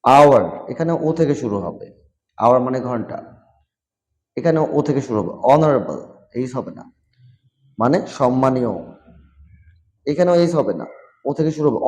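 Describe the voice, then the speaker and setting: A man teaching vocabulary at an unhurried pace, saying each word twice and then giving its meaning. His voice is dark and mellow, at a middle pitch. The room adds a long, trailing reverb. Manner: repeats each word and its meaning, mixing in English phrases. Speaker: English teacher. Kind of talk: slow classroom explanation of vocabulary.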